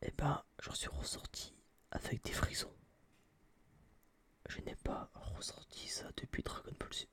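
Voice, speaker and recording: The whisper is fairly bright in tone, a touch slow, and broken by long pauses. It's an ASMR video creator close to a binaural mic, rambling through a casual film review in slang, hesitating and repeating words often.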